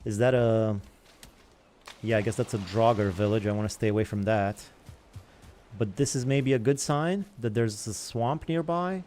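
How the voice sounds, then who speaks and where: Low, mellow-voiced man chatting over gameplay. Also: unhurried, faint music behind. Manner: rambling, chatty asides. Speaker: gaming channel host. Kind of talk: casual gameplay commentary.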